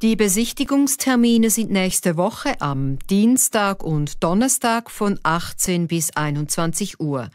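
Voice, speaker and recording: A woman with a mid-pitched voice reads lesson dialogue very slowly and deliberately. Each sentence comes out clean and separate. The recording is dry and close. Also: animated, no room sound. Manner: careful, clearly articulated, each line said twice. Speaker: dialogue reader for a language lesson. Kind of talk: slow scripted dialogue reading. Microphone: dry studio voice-over.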